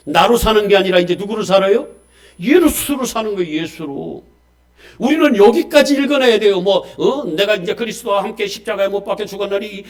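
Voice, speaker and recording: A man preaching a Sunday morning sermon with a fairly high voice. He swings from loud, emphatic declarations to quiet, low asides. He keeps putting questions to the congregation and calling for amens. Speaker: pastor.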